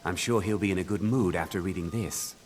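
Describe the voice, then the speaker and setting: An actor playing a wistful, theatrical writer of dramas in a fantasy game. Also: male voice, low voice, brisk, faint music behind, lightly acted. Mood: friendly. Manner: theatrical, expressive. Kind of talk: video game character dialogue.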